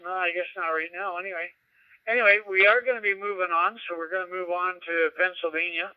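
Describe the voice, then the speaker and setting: A man runs an amateur radio net, his slightly high, smooth voice coming through a scanner radio. The sound is dry and dull, like a lo-fi radio receiver. He talks haltingly with many fillers as he reads out call signs. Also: steady tone, no room sound. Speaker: net control.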